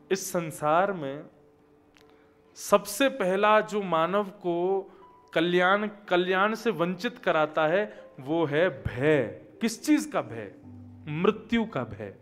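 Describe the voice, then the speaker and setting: This man draws out his words and leaves long pauses, his high, fairly bright voice lively in intonation as soft music plays behind. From a lectern on the stage of a religious event, he offers a conversational devotional talk of anecdotes and self-answered rhetorical questions, heard through gooseneck podium microphones.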